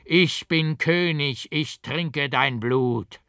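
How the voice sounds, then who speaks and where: A man shouting as a raging mad monk. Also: a little high, very slow, clear, resonant tone, no room sound, studio quality, voice pushed up, full character voice. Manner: shouting, wild, grim. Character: raging murderous young male monk, frenzied.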